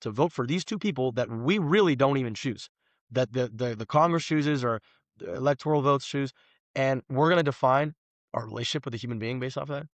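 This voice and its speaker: A Los Angeles man in his twenties is a guest on a podcast, chatting casually. His medium-pitched voice moves fairly quickly, and his emphatic, rambling talk is full of "like." The recording has no echo.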